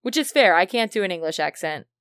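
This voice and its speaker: A woman's voice: on the low side, animated, quick pace, fairly bright tone, clear, resonant tone, no room sound. A woman co-hosting a casual podcast chat about a film, rambling and trailing off as she thinks aloud. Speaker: podcast co-host.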